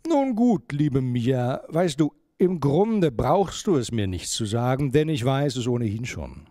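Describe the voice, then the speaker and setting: A soft-spoken, courteous snow owl from a storybook, voiced by a man. The voice lifts and falls in a lively, sing-song way and stays polite and coaxing. It sounds dry and close, with no room around it. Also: medium pitch, measured pace, no room sound. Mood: gentle, coaxing. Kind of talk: storybook reading.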